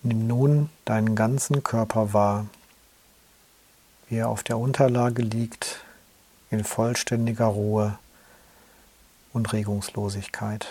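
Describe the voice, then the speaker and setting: A man slowly guiding a yoga nidra relaxation in a calm, soothing way. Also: on the low side, husky. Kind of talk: guided relaxation instructions.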